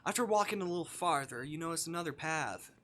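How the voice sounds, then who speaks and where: Fast and lively, a man with a slightly high, somewhat bright voice reads visual novel text aloud on a casual gaming stream, muttering playful asides. There's a little hiss or hum in the audio.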